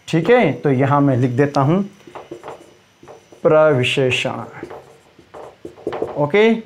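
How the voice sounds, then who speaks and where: A man teaching a Hindi grammar lesson, quizzing his students and slowly repeating the key terms for emphasis. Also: on the high side.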